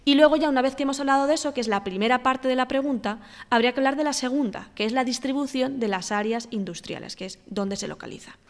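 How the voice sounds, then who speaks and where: A woman teacher with a Spanish accent from Spain explains exam answers step by step. She pauses on fillers and keeps checking that her listeners follow. Her voice has a long reverb trailing behind it. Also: sits high. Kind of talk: exam walkthrough lesson.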